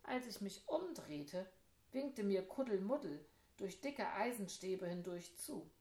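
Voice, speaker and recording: A woman narrates a children's story, speaking clearly and turning to her young listeners with questions. She takes her time over every phrase at a slow pace. The voice sits in a roomy, echoing space. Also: medium pitch, very animated, mellow.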